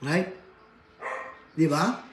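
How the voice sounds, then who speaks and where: A man from the Philippines giving a workplace safety seminar lecture, switching between Tagalog and English and often adding tag questions like "right?". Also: very slow. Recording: echoey room, faint background noise.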